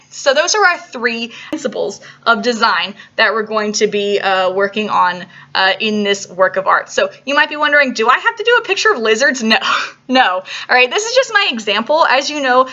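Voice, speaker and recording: A woman's voice: a little high, sharp tone, lo-fi sound. A woman teaching an art lesson to young children on video, upbeat and coaxing, often checking in with "all right?" between steps.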